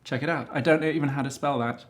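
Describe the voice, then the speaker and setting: A man's voice: fairly high pitch, fairly even intonation, quick pace. A middle-aged man hosting a casual interview, chatty and teasing, laughing easily. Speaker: interviewer, fashion photographer.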